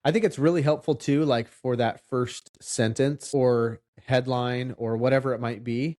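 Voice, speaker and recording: A man's voice: medium pitch, fairly even intonation, normal speed, dark tone. Chatty man explaining things casually. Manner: conversational, explains with examples and asides. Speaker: loan officer, podcast co-host. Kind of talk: casual podcast conversation.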